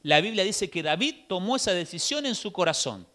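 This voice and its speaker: Argentine guy preaching in church, really high voice, tells the story with lots of questions. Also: a little fast. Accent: Rioplatense Argentine Spanish. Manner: storytelling, animated, rhetorical questions. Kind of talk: sermon.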